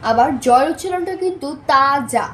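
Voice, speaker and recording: A woman teaching spoken recitation, sounding out syllables and tongue twisters slowly and mixing in English words. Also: high-pitched, animated. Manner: slow, syllable-by-syllable demonstrations mixed with English words. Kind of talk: spoken recitation lesson with drills. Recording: echoey room with faint noise.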